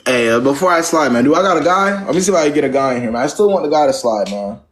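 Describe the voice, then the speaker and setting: A man's voice: fairly high pitch, animated, racing. A young American man hosting a casual live advice chat, blunt and slangy, repeating phrases for emphasis. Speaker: live stream host giving dating advice.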